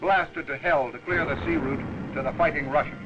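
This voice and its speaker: A man's voice: on the high side, steady tone, highs cut off, very noisy. A man reading scripted wartime narration in an emphatic announcer's style, heard as an old 1940s newsreel soundtrack. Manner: brisk, emphatic announcer delivery.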